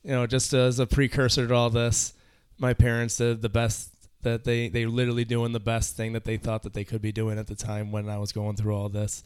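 A man's voice: medium pitch, monotone, brisk, hardly any pauses, clean tone, no room sound, clean studio sound. A man as a podcast guest, telling his own story in an earnest, slightly nervous way. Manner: earnest, a little nervous, with fillers. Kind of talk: casual storytelling.

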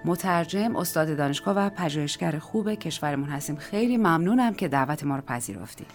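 A woman with a fairly low voice reads a short story for a radio program. She gives each character in the dialogue its own tone. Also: faint music behind. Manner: expressive, shifting tone for each character. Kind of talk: dramatic story reading with acted dialogue.

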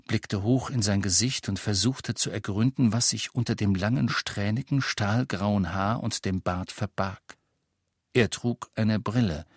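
A man narrating a storybook in a calm, measured way. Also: fairly low pitch, dry recording, studio quality. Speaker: audiobook narrator. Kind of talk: scripted narration.

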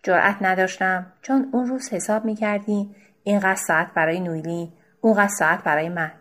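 A woman reading the part of a weary, evasive middle-aged husband in a novel, giving low, subdued, defensive replies. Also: fairly even intonation, fairly bright tone, natural voice.

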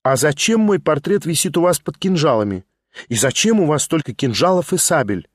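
An impulsive young woman, quick to blush and eager to talk, as a male reader puts her on for an audiobook. Her voice sits noticeably higher and keeps tumbling into excited exclamations. The recording is dry and close. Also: dry recording. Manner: excited, rushing, emotional exclamations. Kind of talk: audiobook character voice.

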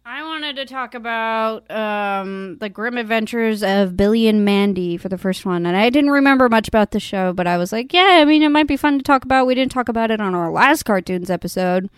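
Clear-voiced chatty young woman host. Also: mid-range voice, normal speed, hardly any pauses, dry recording, clean studio sound. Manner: chatty, rambling with fillers. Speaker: podcast host. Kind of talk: casual chat.

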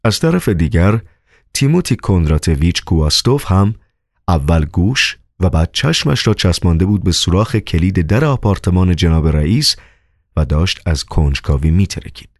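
A man narrating a novel as an audiobook in an expressive reading style. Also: low-pitched, no room sound, clean studio sound. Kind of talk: scripted narration.

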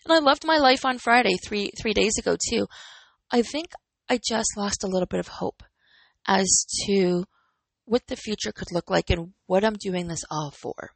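A woman in her forties hosts a personal motivational podcast, smiling as she talks in an earnest, encouraging, reflective way. Her mid-range voice is creaky and moderately paced, on a rough recording with no room sound.

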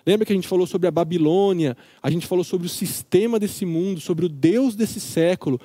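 A man with a Brazilian accent teaching a Bible study in a lively, joking way, acting out the characters. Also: high voice, normal speed, dry recording.

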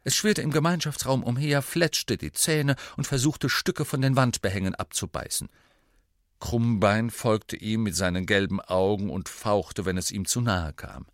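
Male audiobook narrator, measured and even, lowish voice, dry booth. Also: dry recording. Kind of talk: scripted narration.

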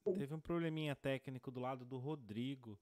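The host of a live online interview, who reacts to the guest briefly and announces a pause over a video call. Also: mid-range voice, a little mellow. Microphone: video call mic.

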